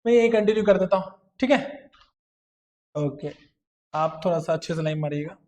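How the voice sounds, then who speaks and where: A man's voice: a little high, normal speed, a little mellow. A man from India teaching an accounts lecture, coaxing students with constant questions and mixing terms into his talk. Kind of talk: classroom lecture.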